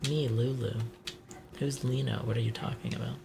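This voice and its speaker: An Italian let's play streamer reads in-game text aloud while playing a horror game, poking fun at himself in casual commentary. His mid-range voice is steady and creaky at a normal speed, heard over music.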